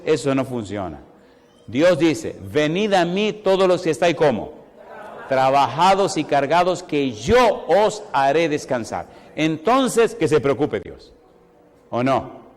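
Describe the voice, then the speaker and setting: Brief: male preacher, medium pitch, lively storytelling sermon, long hall reverb. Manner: animated, moving between soft asides and loud exclamations. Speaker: pastor. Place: church hall.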